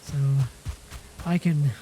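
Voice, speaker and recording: A man's voice: slow, warm tone. A man streaming a game, chatting casually and correcting himself as he goes. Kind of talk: casual gaming chat. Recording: noisy game audio.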